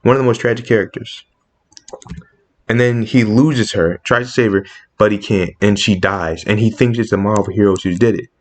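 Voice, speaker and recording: A man's voice: on the low side, steady tone, normal speed. Male commentator, casual monologue, passionate and indignant in tone. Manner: impassioned, rising sharply when indignant. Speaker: comics commentator.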